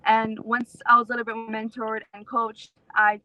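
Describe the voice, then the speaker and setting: A woman from the Rio Grande Valley in southern Texas, USA, speaks as an interview guest; she is an author and actor. Her fairly high voice is monotone, pushed and bright, at a moderate pace, and the recording sounds muffled. She explains her background casually, as if telling a story.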